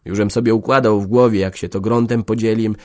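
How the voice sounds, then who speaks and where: A man's voice: on the low side, fairly even intonation, brisk, darkish tone, dry recording, studio quality, lightly acted. Man playing hearty young village husband, firm, a touch raised, storybook role. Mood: sorrowful.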